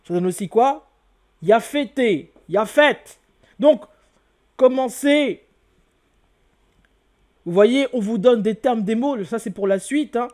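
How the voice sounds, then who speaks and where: A man with an extremely high, slightly mellow voice teaches hieroglyphs in an online video lesson, speaking slowly with long pauses. He explains step by step, repeats key words, exclaims a lot, and asks the listener questions before answering them himself.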